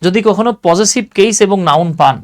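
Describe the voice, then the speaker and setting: A man's voice: high-pitched, lively intonation. A man teaching an English grammar lesson in a casual classroom style, explaining step by step, repeating key points and asking rhetorical questions. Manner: slows down to spell out words while writing.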